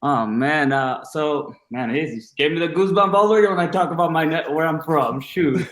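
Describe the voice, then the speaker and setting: A young Bangladeshi man in his twenties, a podcast guest, tells casual personal stories in a slightly high, fairly bright voice at a moderate pace. The recording sounds roomy, and he is informal, slangy, and enthusiastic.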